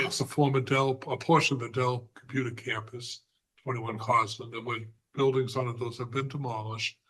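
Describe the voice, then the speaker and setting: A man presenting a plan at a zoning hearing, hoarse and halting, with many fillers and frequent throat clearing. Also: medium pitch, fairly even intonation, fairly bright tone, rough recording. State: hoarse, losing his voice. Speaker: applicant's representative. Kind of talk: presenting at a remote board hearing.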